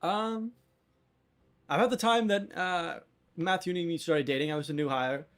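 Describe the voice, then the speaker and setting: In a tabletop game, a man plays a woman cook in her thirties who sounds unsure and fumbles for dates. His character voice is pitched a little high, above his own natural voice, yet stays close to everyday speech, at a moderate pace.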